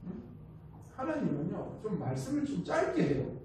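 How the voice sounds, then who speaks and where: A high-pitched man with a Gyeongsang accent preaches a missionary's sermon, acting out what others said to him. His tone is soft and mellow rather than bright. The recording comes through a booming church hall from a mic set well back, with faint room noise. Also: huge pitch swings, normal speed, far from the mic. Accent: Gyeongsang Korean. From Gyeongsang region, South Korea. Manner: storytelling with rhetorical questions and acted-out quotes. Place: church sanctuary.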